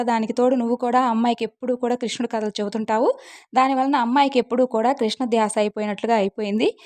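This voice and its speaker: A woman voicing a calm neighbor man who gives practical, reassuring advice. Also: on the high side, natural voice.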